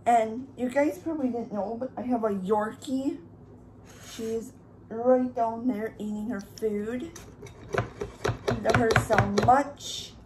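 A young woman hosts a casual eating vlog from a room at home, rambling to her viewers as she goes. Her voice sits a little high and she talks at an unhurried, drawn-out pace. A faint hum of background noise runs under her voice. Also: fairly even intonation. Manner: chatty, rambling, talks to viewers while preparing food. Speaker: YouTuber. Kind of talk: casual mukbang vlog chat.

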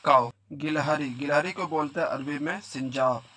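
Male teacher, fairly high and bright voice, quizzes and repeats every word. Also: normal speed, slight background noise. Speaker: Arabic teacher. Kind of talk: vocabulary lesson.

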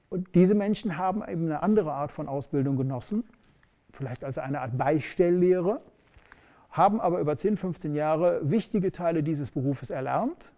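A middle-aged man explains a topic to camera from a bright studio backdrop, his voice sitting a touch high yet mellow and warm in tone. He speaks in a measured, explanatory way, leaning on the key words. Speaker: education expert presenting.

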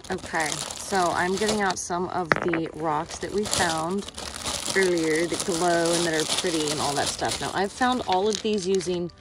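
With background noise around her, a woman in her thirties talks at a measured pace in a fairly low voice. She's vlogging casually as a rock-hunting host on a rocky shore outdoors, informal, enthusiastic and exclamation-heavy, recorded on a handheld camera.

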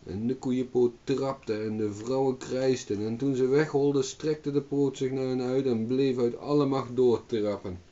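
A man reading a fairy tale aloud as a storyteller, in calm steady narration, on a dull distant recording. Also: mid-range voice, unhurried, hardly any pauses.

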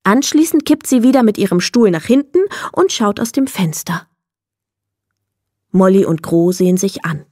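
A woman's voice: medium pitch, expressive, moderate pace, warm tone, no echo, studio quality. Woman narrating a children's audiobook. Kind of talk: children's book reading.

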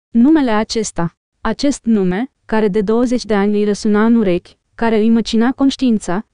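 A woman narrating an audiobook in a steady, even storytelling manner, recorded close on a studio mic. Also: on the high side, clear, resonant tone, no echo.

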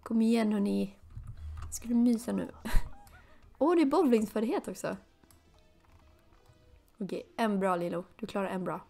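A woman talks through her game in a casual let's play, chatty and loose. Her voice has a gravelly fry to it, and she breaks into sudden excited high bursts between soft asides. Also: long pauses, faint music behind. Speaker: gaming video creator.

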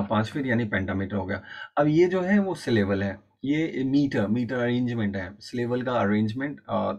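A man's voice: mid-range voice, a little mellow, husky, highs cut off. A man teaching an online exam-prep lecture, explaining patiently and repeating key points while mixing Hindi and English.

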